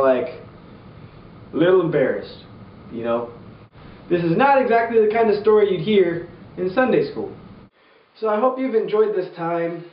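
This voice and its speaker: A man with an upbeat, slangy, jokey youth pastor manner, casually telling Bible stories for laughs. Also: on the high side. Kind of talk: casual comedic Bible storytelling to camera. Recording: roomy, distant, muffled, faint background noise.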